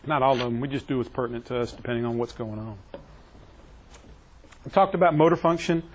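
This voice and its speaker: A man's voice: mid-range voice, quick pace, slight background noise, poor audio. A man teaching a classroom EMS training session, quizzing his trainees and joking with them. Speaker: EMS instructor.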